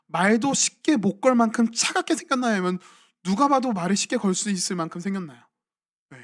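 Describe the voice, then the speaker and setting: A young man, a junior pastor, preaching a sermon in a church and asking his congregation questions in a conversational way. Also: sits high. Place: church sanctuary at a midweek evening service.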